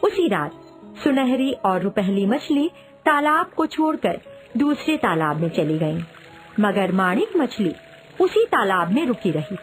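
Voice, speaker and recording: A woman storyteller reading a moral tale in an expressive, sing-song way, speaking to listeners as friends. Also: mid-range voice, a little slow, soft background music, low-quality recording. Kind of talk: scripted storybook narration.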